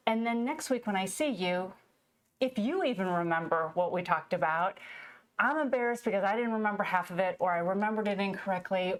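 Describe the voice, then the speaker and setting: Explanatory woman podcast co-host. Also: mid-range voice. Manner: enthusiastic, explanatory, acts out a client's view. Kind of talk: casual podcast discussion.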